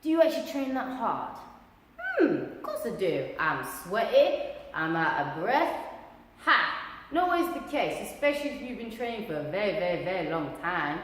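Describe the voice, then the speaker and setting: A woman's voice: mid-range voice, very animated, normal speed, a bit bright. Bubbly woman in an echoey hall. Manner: bubbly, cheeky, whoops and asides. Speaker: fitness coach. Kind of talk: casual fitness talk to camera. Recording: echoey hall with faint noise.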